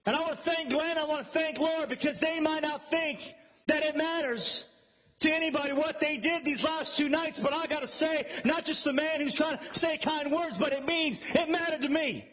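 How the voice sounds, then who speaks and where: A man preaching a fervent sermon, swinging between shouted peaks and quiet, low intensity. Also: moderate pace, in a large hall.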